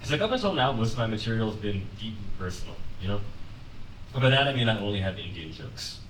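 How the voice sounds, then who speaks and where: A young man doing a conversational, deadpan stand-up set on a comedy club stage, laughing lightly at his own lines. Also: lowish voice, quick pace, a little hiss or hum. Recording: roomy club sound from a distance, with audience laughter. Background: audience laughing.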